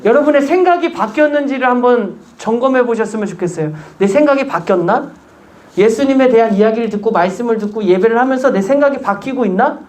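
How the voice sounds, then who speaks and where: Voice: medium pitch, fast, darkish tone. A pastor preaching a sermon in church, urging the congregation with repeated rhetorical questions.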